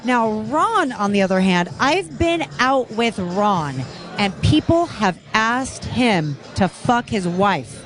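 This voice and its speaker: A woman's voice: medium pitch, very animated, slow pace, faint music behind. A woman co-hosting a podcast in casual chat, giggly and prompting the guest with questions. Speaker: podcast co-host.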